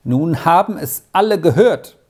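Reader voicing a calm, firm schoolboy. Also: medium pitch, slow. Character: calm, steady schoolboy standing up to a bully. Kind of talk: audiobook reading.

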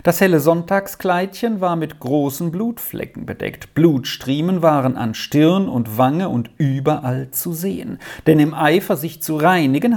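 A narrator reading an old-fashioned children's story aloud in an expressive way. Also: mid-range voice. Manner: expressive, unhurried.

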